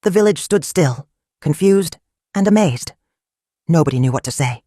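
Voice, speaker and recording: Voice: mid-range voice, lively intonation, normal speed, mellow, dry recording, clean studio sound. A storyteller narrating a folktale in short, simple, clipped sentences.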